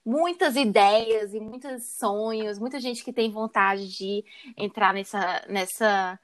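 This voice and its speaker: A woman's voice: medium pitch, slow. Upbeat Brazilian podcast host woman. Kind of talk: podcast intro and casual interview.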